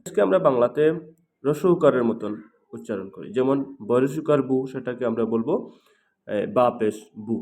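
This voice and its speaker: A man with a Bangladeshi Bengali accent teaching Quran reading, drilling each letter and syllable slowly and loudly. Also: on the high side. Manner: slow, loud, drawn-out drill of each syllable. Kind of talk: recitation lesson, drilling letters.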